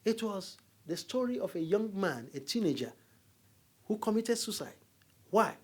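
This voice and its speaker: Speaking at normal speed in a high voice, a middle-aged man with a Nigerian accent lectures at a university as a diplomat. He's a storyteller, animated and joking with his listeners.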